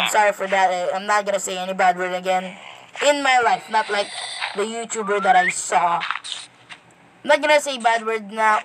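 A woman giving rambling, excitable commentary to viewers while playing a game. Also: fairly high pitch, background noise. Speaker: gameplay commentator. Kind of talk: casual gameplay commentary.

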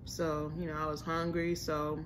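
In a monotone, low-pitched voice at normal speed, a young American woman reviews a restaurant for her food vlog, talking to camera in a chatty, slang-filled, informal way. She's in a room of her home with a staircase, with slight background noise.

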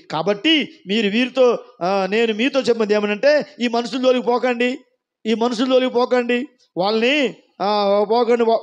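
A man preaching a sermon, emphatic, repeating rhetorical questions to his listeners. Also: very high-pitched. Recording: dull lo-fi recording.

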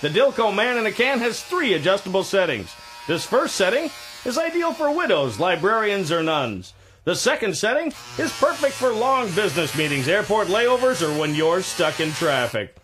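A man doing an over-the-top infomercial pitch, his voice swinging up and down as he piles on deadpan innuendo. His voice is fairly high, and a loud music bed runs behind him. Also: moderate pace. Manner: hyped salesman patter with deadpan innuendo. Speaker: spoof commercial announcer.

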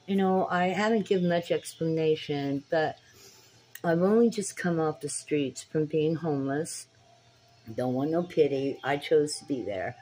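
A woman's voice: sits low, mellow, rough recording. A woman in her sixties talking earnestly to a phone camera in a small dim room, preaching directly to her viewers. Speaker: spiritual tarot vlogger. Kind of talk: casual talk to camera. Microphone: phone camera at arm's length.

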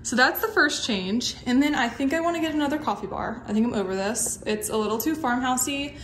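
A young woman talks into her phone while she walks through her house. Her voice sits a little high, and she rambles, trails off and starts her sentences over. A faint hum of room noise runs underneath. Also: fairly quick, a bit bright. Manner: chatty, rambling, self-deprecating, trails off and restarts. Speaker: lifestyle vlogger. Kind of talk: casual home-tour chat. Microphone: phone camera on a handheld stick.

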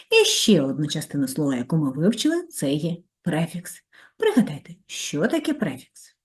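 A woman teacher giving a primary school grammar lesson, dictating slowly and spacing each word clearly. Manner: slow, clearly spaced dictation, lively sing-song pitch. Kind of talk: online grammar lesson for third graders.

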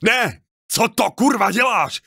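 A man voicing a young soldier in an audiobook battle, shouting urgently in a raised voice. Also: a little high, wildly swooping pitch, husky, no room sound, studio quality, voice pushed up, heavily acted. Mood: panicked.

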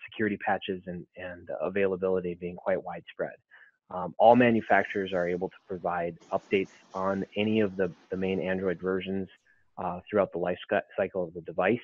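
A man with a low voice answers webinar questions in an explanatory way, often restarting his sentences. The sound is thin and phone-like. It is dry, with no room around it. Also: no room sound. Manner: explanatory, frequent ums and restarts. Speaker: webinar panelist.

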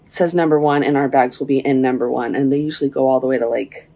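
A woman in her thirties with a low voice walks viewers through the steps in a chatty, explanatory way. She is recorded close on a handheld camera in a small cruise cabin. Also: steady tone, fast talker, warm tone. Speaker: vlogger. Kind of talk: casual travel vlog narration. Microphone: camera held at arm's length.

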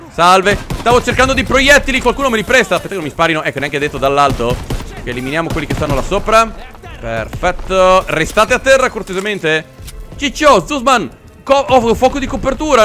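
A man's voice: high-pitched, animated, brisk, bright, forceful tone, soft background music. A young man giving joking, chatty commentary while playing a war video game. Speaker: gaming video host. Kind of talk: let's play commentary.

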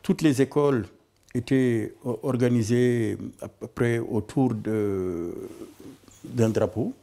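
A man in his seventies giving a halting, hesitant testimony in a living room, often repeating words. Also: medium pitch, fairly even intonation, warm tone. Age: 70s. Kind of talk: testimony interview.

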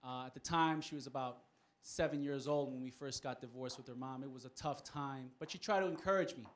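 A man's voice: medium pitch, a little fast. A man from New York doing a stand-up comedy set, talking conversationally and making asides to the audience.

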